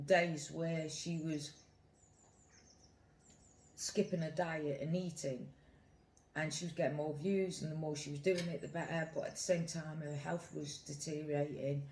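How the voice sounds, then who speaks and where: A mid-range, slightly mellow voice belongs to a British mukbang vlogger who talks casually to camera in an echoey room, rambling along and repeating phrases to stress opinions.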